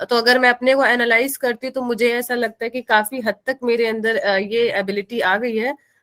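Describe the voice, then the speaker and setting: A woman's voice: fairly high pitch, a bit bright. A woman in an online class, politely sharing her own experiences in mixed Hindi and English. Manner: polite, reflective, shares personal experiences. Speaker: participant.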